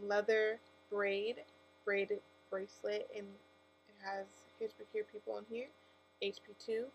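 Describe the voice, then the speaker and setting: A woman with a lisp and a medium-pitched voice delivers a casual, frank faith testimony to camera, emphatic and prone to correcting herself. The low-quality recording is marked by steady mains hum and background noise.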